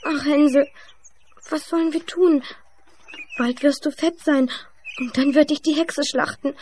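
A frightened but brave little girl in a radio play. The voice sits high and childlike, and it pleads and calls out. A faint hiss sits under it. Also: fairly even intonation, unhurried, a little mellow.

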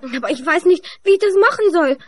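Little gretel, high childlike voice, pleads a lot, radio play. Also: female voice, expressive, a little fast. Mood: frightened. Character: young girl Gretel, frightened but brave.

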